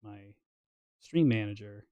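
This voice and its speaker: A man's voice: fairly low pitch, slow, no echo, muffled recording. A man streaming a game and chatting casually, a rambling storyteller who teases and jokes. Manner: rambling storyteller, teasing and jokey. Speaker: gaming streamer. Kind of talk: casual chat while playing.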